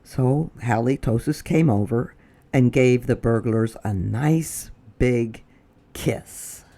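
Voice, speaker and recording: A woman with an extremely low-pitched voice reads a children's picture book aloud for storytime. Her delivery is expressive, with dramatic pauses and moments where she drops to a whisper.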